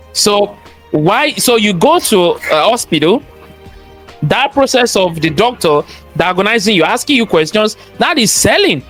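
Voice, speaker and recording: A man with a high, slightly bright voice and a strong Nigerian accent appears as a guest in an interview; he is a cybersecurity expert and entrepreneur. His delivery is motivational and sermon-like, repeating key phrases for emphasis and tossing out rhetorical questions.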